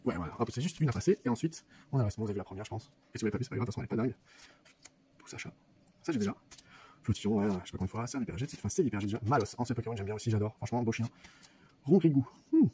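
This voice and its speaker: A man with an accent and a mellow, darker voice, chatting to viewers as he opens card packs. He hesitates, repeats words and stammers a little. The recording has faint background noise. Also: medium pitch, vocal fry. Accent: non-standard French accent. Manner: chatty, often addresses viewers directly. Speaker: card-opening channel host. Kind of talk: casual unboxing commentary. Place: office.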